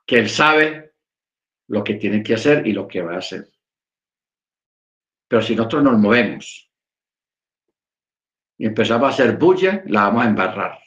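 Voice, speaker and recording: A man preaching a sermon, emphatic, addressing his listeners as brothers and dropping low and slow to stress a point. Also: fairly bright tone, echoey room, lo-fi sound.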